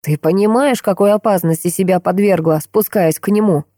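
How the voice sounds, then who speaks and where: A woman's voice: mid-range voice, moderate pace, warm tone, dry recording, clean studio sound, natural voice. A woman voicing a middle-aged doctor, a strict and agitated father who speaks sharply and sternly. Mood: angry.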